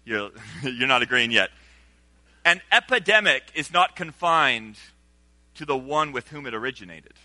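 A pastor who grew up in Senegal preaching a sermon, animated and engaging the congregation with call-and-response. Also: male voice, medium pitch, normal speed, long pauses, dry recording.

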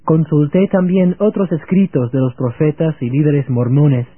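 Young man, guest, earnest testimony, slightly high, husky, phone-like radio sound. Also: normal speed. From Virginia, United States. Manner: earnest, steady, read-aloud. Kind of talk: read religious testimony.

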